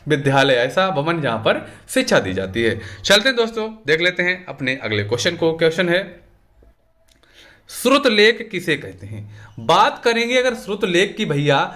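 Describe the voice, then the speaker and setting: A man's voice: sits high, a bit bright. A man with a Hindi accent going through exam questions as a tutor, casually asking and answering his own questions. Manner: conversational, repeatedly asks and answers own questions. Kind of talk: exam revision lesson.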